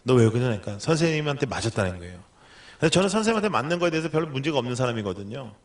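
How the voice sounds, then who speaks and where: A man's voice: mid-range voice, sing-song, very fast. A middle-aged male pastor preaching a sermon, telling a story and acting out the lines of the people in it.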